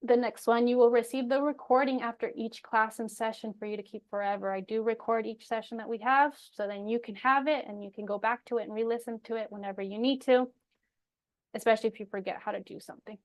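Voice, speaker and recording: A woman's voice: fairly high pitch, steady tone, quick pace. A woman speaking as an energy coach, casually presenting her program in an encouraging, reassuring, informal way with frequent emphasis. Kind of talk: casual, personal program pitch to viewers.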